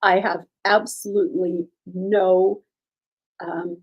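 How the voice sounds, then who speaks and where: A woman's voice: on the low side, little pitch movement, dull audio. A woman host with a scratchy voice, chatting casually on a livestream about court cases and answering chat questions, with many ums and restarts. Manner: many ums and restarts, measured legal opinions.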